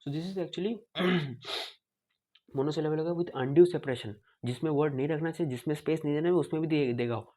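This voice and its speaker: Speaking at a moderate pace in a slightly high, warm voice, this young man teaches medicine informally. His lecture mixes Hindi with English, he demonstrates speech patterns aloud, and he frequently clears his throat.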